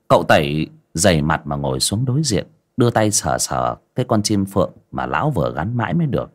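Lively low-voiced male storyteller. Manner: expressive, vivid. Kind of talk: folksy story narration.

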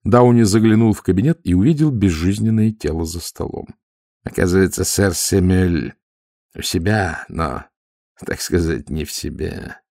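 A man reading an audiobook aloud in a lively, theatrical way. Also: deep voice, normal speed, gravelly, no room sound, studio quality. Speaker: audiobook narrator.

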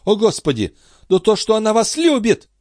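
A man voicing an anguished, jealous, imperious queen in an audiobook, crying out in a shrill falsetto. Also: lively intonation, a little slow, a little mellow, no echo, clean studio sound. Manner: shrill, cries out in high falsetto.

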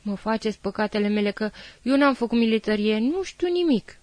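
A woman's voice: on the high side, expressive, darkish tone, no room sound, lightly acted. A woman voicing a poor, frightened older male lime-burner who stammers and whines in a dry audiobook recording. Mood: pleading. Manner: stammering, whining, rushed.

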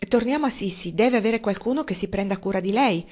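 A woman's voice: mid-range voice, brisk, darkish tone, voice pushed up, close to an everyday voice. Woman doing an earnest young woman.

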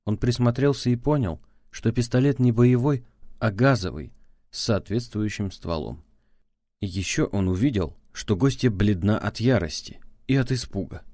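The narration comes from a man with a very deep voice reading an audiobook script calmly and evenly. It's a dry, close-miked recording free of room sound.

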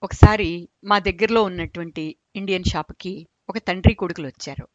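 A woman's voice: on the low side, moderate pace, no echo. A woman telling humorous stories in a chatty, amused way. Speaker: storyteller. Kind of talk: humorous storytelling narration. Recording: dull dry recording.

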